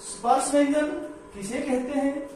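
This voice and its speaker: A man teaching grammar in a slow lesson, repeating each definition step by step. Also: very high voice, steady tone, darkish tone. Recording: echoey room, mic far off, faint noise.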